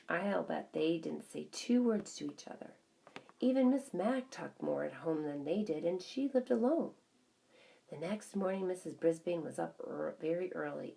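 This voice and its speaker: A woman with a low, creaky, dark-toned voice voices a small, observant pet hamster. The hamster narrates a children's storybook in the first person, with chatty asides.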